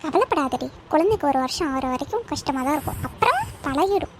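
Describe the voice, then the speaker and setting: A woman's voice: sits high, expressive, fairly quick, background noise. A woman voicing a nosy, meddling older woman in a cartoon who lectures and keeps asking if she is understood. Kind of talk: cartoon voice acting.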